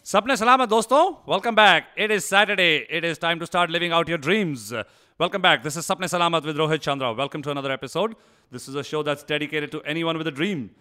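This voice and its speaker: A man's voice: fairly high pitch, bright, forceful tone. A man from India hosting a radio talk show in a studio, upbeat and emphatic. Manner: upbeat, emphatic, fast-talking. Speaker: host.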